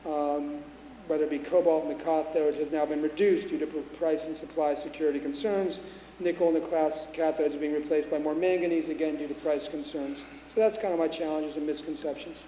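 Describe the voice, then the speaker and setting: A man speaking on a conference panel in a fairly high, flat voice, piling up facts and figures with plenty of ums and restarts. His tone is dark and mellow, and the sound carries the long, roomy reverb of a large hall with faint ambience underneath. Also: fairly quick, slight background noise. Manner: dense, fact-heavy delivery with frequent fillers and restarts. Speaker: panelist, commodities consultant. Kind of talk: panel presentation.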